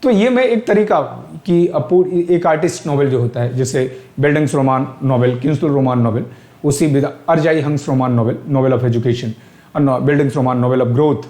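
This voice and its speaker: A man's voice: medium pitch, moderate pace, dark tone, echoey room. A male teacher with an Indian accent giving an exam-prep lecture. He explains step by step, asks questions aloud and works English terms into his talk.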